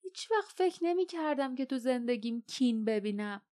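A woman voicing a courteous, measured grown male warrior in an audiobook. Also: high-pitched, expressive, dark tone. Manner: polite, measured. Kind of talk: audiobook character voice.

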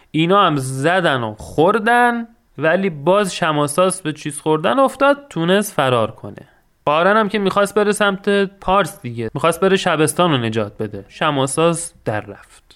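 A man's voice: fairly high pitch, a bit bright, clear, resonant tone. A man hosting a podcast who retells an old epic in casual, joking speech and recites verse lines between the storytelling. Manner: colloquial and joking, mixes slang with chanted epic verse. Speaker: podcast host retelling the Shahnameh.

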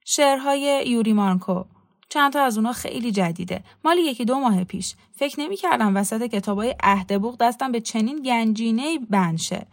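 A woman's voice: on the high side, lively intonation, dry recording, studio quality. A woman reading a cheeky, mocking young man in a storybook, voicing him in a teasing, blunt way. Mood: matter-of-fact.

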